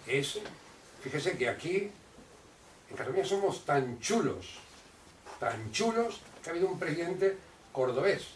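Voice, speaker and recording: A man's voice: fairly high pitch, sing-song, a little slow, long pauses. An older man talking at a neighborhood meeting, emphatic and repetitive, often restarting his sentences. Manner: emphatic, repeats himself, restarts. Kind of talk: impassioned public talk. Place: neighborhood association hall. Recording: roomy echo, distant mic, faint noise.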